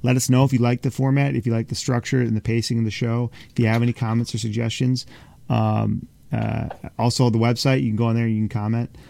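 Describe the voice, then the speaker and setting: A man's voice: mid-range voice, little pitch movement, fast talker, vocal fry, mellow, no echo. A man hosting a casual gaming podcast, talking loosely with lots of fillers. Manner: rambling, filler-heavy wrap-up. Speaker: podcast host.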